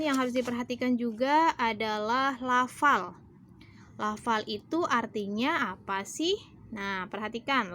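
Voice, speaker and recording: A woman teacher explaining a lesson to her pupils in a clear, direct way, turning to them with questions. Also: a little high, fairly bright tone, a little hiss or hum. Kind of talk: online class lesson.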